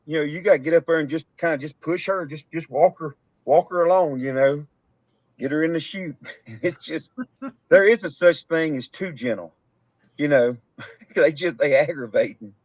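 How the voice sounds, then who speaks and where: A man's voice: a little high, moderate pace, dry recording. A man with a Texan accent, a cattle farmer hosting a casual live-stream chat, who rambles and laughs through his stories. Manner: rambling, laughing storyteller with rural Southern grammar. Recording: dull, dry lo-fi stream audio.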